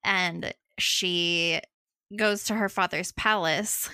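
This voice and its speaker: A woman casually retelling a myth in a chatty, animated way. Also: fairly low pitch, takes it slowly, clear, resonant tone, no room sound. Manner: chatty, animated, laughing asides. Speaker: storyteller.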